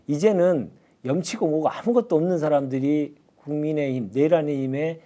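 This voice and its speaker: Brief: male spokesman guest, slightly high voice with a warm, mellow tone, deliberate and reflective. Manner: measured, thoughtful, with hesitant fillers. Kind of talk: political panel talk.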